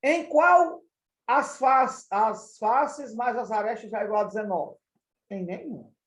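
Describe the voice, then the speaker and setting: A man's voice: high-pitched, measured pace, a bit bright, echoey room, rough recording. A male math teacher with a Brazilian Portuguese accent, patiently repeating and counting through each example step by step. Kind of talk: recorded classroom lesson.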